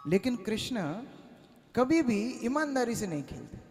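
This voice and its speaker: High-voiced male devotional storyteller. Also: moderate pace. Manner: animated, acting out scenes. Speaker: Bhagavat Katha storyteller. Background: flute music.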